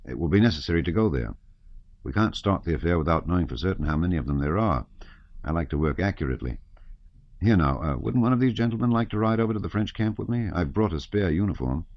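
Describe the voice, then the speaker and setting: A man voicing a cold, ironic, daring army officer who talks briskly, in a dull lo-fi audiobook recording. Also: low-pitched, expressive, no echo.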